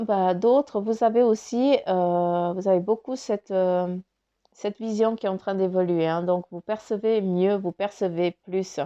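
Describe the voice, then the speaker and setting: A woman's voice: mid-range voice, mellow, clean tone, muffled recording. Stuffy-nosed woman giving a rambling card reading. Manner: rambling, many fillers and restarts. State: stuffy nose from crying. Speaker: spiritual card reader. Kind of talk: casual spoken card reading.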